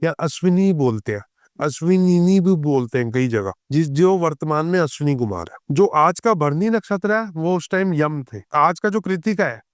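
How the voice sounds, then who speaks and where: A man, a guest on a podcast interview, who reads scripture verses slowly and then explains them in a conversational way. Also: on the high side, expressive, no room sound. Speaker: astrologer guest.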